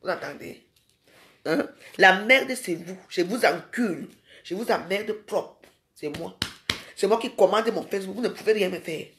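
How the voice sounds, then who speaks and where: A woman's voice: medium pitch, normal speed, slight background noise. A woman ranting in a live social media video. She is confrontational and scolding and keeps firing rhetorical questions at her viewers.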